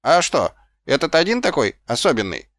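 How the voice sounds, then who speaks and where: A man voicing a scruffy, sly, cowardly little male guardsman who talks in quick, wheedling questions, in an audiobook. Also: fairly high pitch, very animated, fairly bright tone, no room sound, clean studio sound.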